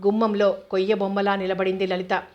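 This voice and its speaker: A woman narrating a novel aloud at a steady, measured pace. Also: medium pitch. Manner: steady, even reading. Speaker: audiobook narrator. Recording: dull lo-fi recording.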